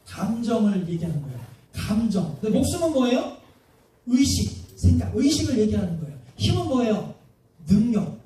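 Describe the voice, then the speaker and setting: Male pastor, high voice, mellow tone, lively preaching, heavy hall echo, mic set back. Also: moderate pace, a little hiss or hum. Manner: lively, keeps asking the congregation questions. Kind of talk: sermon. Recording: very echoey hall, mic at a distance.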